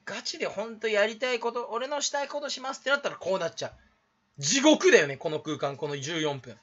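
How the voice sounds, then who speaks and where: A man's voice: sits high, lively intonation, fairly quick, a bit bright, lo-fi sound. A teenage man talking to camera in a rambling, self-mocking comedy vlog, joking and scolding himself, recorded on a camera mic in a small room. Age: teens. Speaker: small YouTuber.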